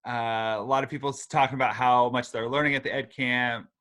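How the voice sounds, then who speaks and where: A man's voice: medium pitch, fairly even intonation, brisk, fairly bright tone. A man moderating an online session, casually reading out chat comments with fillers over a video call. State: out of breath. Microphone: computer mic on a video call.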